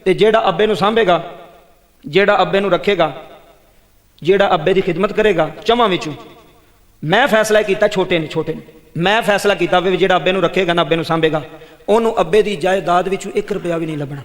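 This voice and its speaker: Preacher voicing an earnest devoted young son. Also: male voice, sits high, quick pace, in a large hall, close to an everyday voice. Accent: Pakistani Punjabi.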